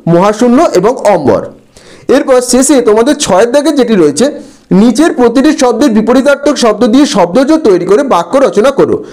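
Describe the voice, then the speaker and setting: A man, a teacher slowly going through textbook answers and spelling out words syllable by syllable. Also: extremely high pitch, darkish tone.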